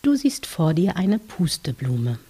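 A woman guides children through a dream journey in a soft, soothing voice. Her tone is mellow and breathy, often close to a whisper. She reads very slowly and gently, leaving long, calm pauses between phrases. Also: lowish voice. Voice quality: soft, breathy, hushed, at times near whisper. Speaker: narrator of guided relaxation for children.

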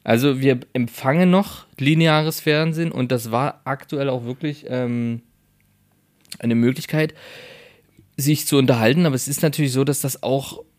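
A man's voice: mid-range voice, a little mellow, dry recording, studio quality. A man co-hosting a podcast in casual chat, laughing often and rambling with many restarts. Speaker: podcast co-host.

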